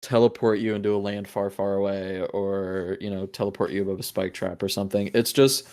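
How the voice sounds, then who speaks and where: A man's voice: fairly low pitch, level tone, a little fast, darkish tone. A man narrating as game master in a tabletop game, talking casually with many fillers and restarts.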